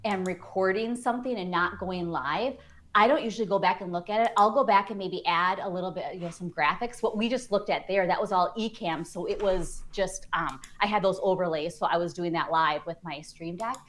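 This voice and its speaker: A woman's voice: on the low side, brisk, fairly bright tone. A woman guest in a casual interview, chatty and self-deprecating, talking with frequent fillers.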